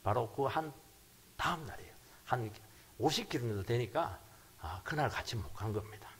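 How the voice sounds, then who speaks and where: A middle-aged pastor preaching fervently, his delivery swinging from loud cries down to hushed, almost whispered lines. His voice is gravelly and a little husky, with a lively, wide-ranging pitch. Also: normal speed. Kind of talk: sermon.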